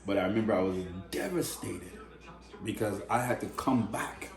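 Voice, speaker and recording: A Canadian man tells an emotional personal story in casual conversation, animatedly acting out the voices of the people in it. His voice is on the low side with vocal fry and normal speed, recorded in an echoey room over music.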